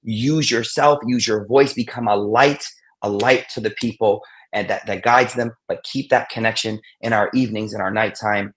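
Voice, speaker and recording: A man offers sermon-like closing reflections, often restarting his phrases as he goes. His voice sits low, and he weaves recited Arabic verses into what he says. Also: steady tone, moderate pace, a bit bright, a little hiss or hum. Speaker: speaker on a panel.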